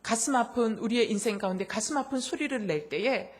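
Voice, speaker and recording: A middle-aged woman pastor preaching a sermon with a personal testimony, naturally loud-voiced, telling her story with emotion and acting out the dialogue, soft one moment and impassioned the next. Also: on the high side, fairly quick. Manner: swings between soft intimate lines and loud impassioned bursts.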